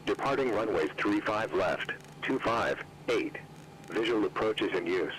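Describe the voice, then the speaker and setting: Deep-voiced man on an airport weather broadcast. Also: expressive, a little slow, a bit bright, a little hiss or hum, rough recording. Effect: airport weather broadcast heard over the sim radio. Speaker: airport information announcer. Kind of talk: recorded automated airport information broadcast.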